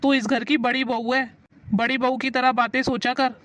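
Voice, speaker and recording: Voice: sits high, little pitch movement, moderate pace, fairly bright tone, no echo. A performer playing a stern young husband who lectures his wife to respect his mother, in a family drama skit. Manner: lecturing, curt.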